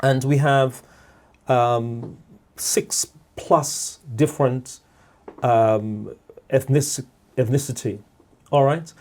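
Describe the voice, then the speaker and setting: A middle-aged man from Guyana, speaking as a podcast guest in a reflective discussion, measured and repeating words, often checking in with "all right?". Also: mid-range voice, fairly even intonation, darkish tone, slight background noise.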